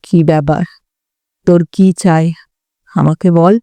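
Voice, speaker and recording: Storybook part: woman playing a steady young man. Firm, slow, mellow. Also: on the low side, no echo, pitched below the performer's own voice. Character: calm young man, the first-person narrator. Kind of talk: audiobook character voice.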